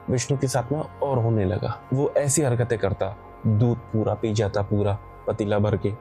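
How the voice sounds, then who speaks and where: A man's voice: medium pitch, warm tone. A man casually telling a horror story, rambling and correcting himself with frequent filler asides. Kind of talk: casual spoken horror narration.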